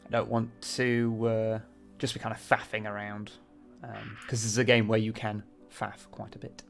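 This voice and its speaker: A man's voice: on the low side, level tone, moderate pace, gravelly. A man doing casual livestream game commentary, rambling a little and reading story text aloud. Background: faint music.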